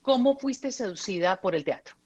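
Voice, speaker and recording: A woman's voice: medium pitch, expressive, moderate pace, a little mellow, slightly rough, highs cut off. A woman interviewer asking short, direct questions.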